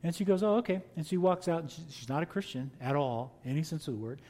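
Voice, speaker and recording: Middle-aged pastor, male, mellow and slightly high, folksy storyteller with a chuckle in him. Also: expressive, fast talker. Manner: folksy anecdotal storytelling with laughs. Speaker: pastor and seminary teacher. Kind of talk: storytelling interview answer.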